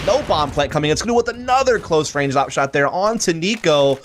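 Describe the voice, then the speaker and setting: A man's voice: a little high, animated, brisk. A man calling the action as an esports caster in running play-by-play, with gunfire and game noise behind.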